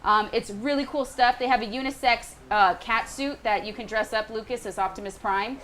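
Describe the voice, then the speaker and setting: A woman's voice: fairly high pitch, moderate pace, a bit bright. A woman hosting a live web show, upbeat and cueing the crew as she runs the segment. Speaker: host.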